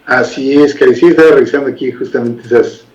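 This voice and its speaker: A man hosts a talk show in a loose, conversational way and is quick to agree. His voice sits away from the mic in a roomy space. The sound is dull and muffled. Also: mid-range voice, darkish tone, far from the mic.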